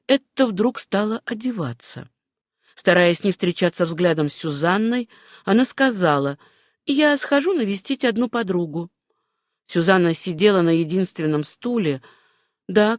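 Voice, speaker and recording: An audiobook narrator reading scripted prose in a measured, unhurried way. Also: mid-range voice, no room sound, clean studio sound.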